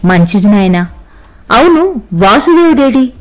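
A woman's voice: on the high side, very animated, unhurried, poor audio. A woman voicing a gracious old grandsire. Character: elderly male grandsire, gracious and humble.

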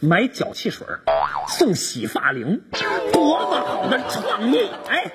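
A man's voice: extremely high pitch, huge pitch swings, measured pace, loud music behind the voice, exaggerated voice. An actor playing a chatty, gushing woman radio host in a comic sketch.

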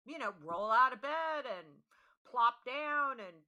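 A young woman hosts a podcast and tells the story straight, swearing freely. Her voice is bright and sharp, and her delivery is animated and blunt. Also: sits high, slow, highs cut off. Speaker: podcast host.

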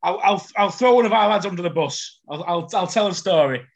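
Male host, high voice, chatty yarn-spinner. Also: expressive, brisk. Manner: chatty storyteller, stammers when starting a story. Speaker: podcast host. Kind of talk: casual podcast chat.

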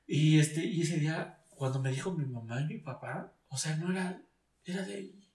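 A man's voice: fairly high pitch, moderate pace, a little mellow. A man giving an emotional personal testimony, earnest and searching, often restarting his sentences. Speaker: guest giving a faith testimony. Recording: echoey room, distant mic.

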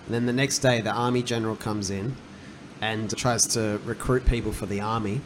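A man's voice: lowish voice, steady tone, moderate pace, noisy background. Man rambling through a casual podcast chat. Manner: rambling, thinking aloud, retelling stories. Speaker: podcast co-host.

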